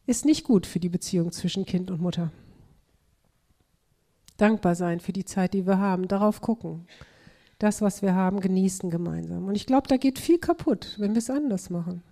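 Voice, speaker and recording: A middle-aged woman speaking to a church group in an earnest manner, reading aloud slowly and with emphasis. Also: mid-range voice, warm tone.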